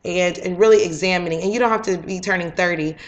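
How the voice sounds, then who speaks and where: A woman's voice: lowish voice, quick pace. A woman in her late twenties giving a casual spiritual astrology talk, often checking in with her listeners by asking "okay?". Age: late 20s. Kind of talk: casual spoken teaching monologue.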